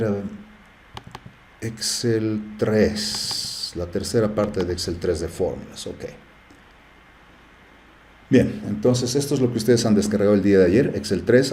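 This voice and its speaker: A man's voice: lowish voice, dark tone, roomy sound, slight background noise. A man teaching a live class, chatty, with many fillers and often checking in with the students. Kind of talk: live class screen-share tutorial.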